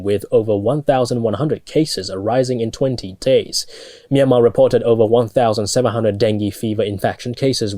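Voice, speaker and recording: A man's voice: fairly low pitch, warm tone, no room sound. A young man with a Burmese accent reading scripted news as a studio anchor. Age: young adult.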